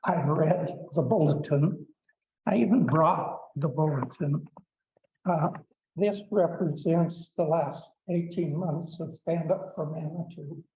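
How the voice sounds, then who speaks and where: Older man in his seventies, blunt public comment, uh fillers, slow pace, echoey room. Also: a little high, mellow, a little hiss or hum. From Colorado, United States. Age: 70s. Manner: plainspoken and blunt, with frequent "uh" fillers. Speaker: public commenter, retired superintendent. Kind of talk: public comment at a school board meeting. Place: school board meeting room.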